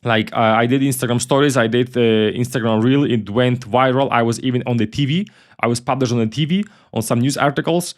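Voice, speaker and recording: A man's voice: mid-range voice, a little fast. Chatty man teaching design. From Ukraine. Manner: loose and chatty, repeats words, swears casually. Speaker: tutorial host. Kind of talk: casual screen-recorded software tutorial.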